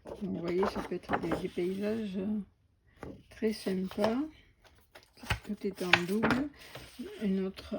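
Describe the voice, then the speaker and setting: A woman chatting through an unboxing of craft supplies, slow and hesitant with many fillers and restarts. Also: mid-range voice, fairly even intonation, vocal fry, heavy background noise. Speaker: crafting vlogger. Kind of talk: casual unboxing commentary.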